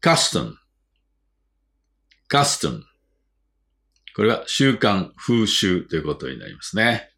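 A man with a Japanese accent teaching an English vocabulary lesson. He reads each word twice, then explains it slowly. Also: lowish voice, big pitch swings, vocal fry, a bit bright.

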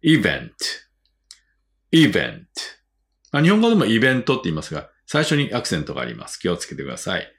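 A man with a Japanese accent teaching an English vocabulary lesson. He reads each word twice, then explains it slowly. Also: on the low side, wildly swooping pitch.

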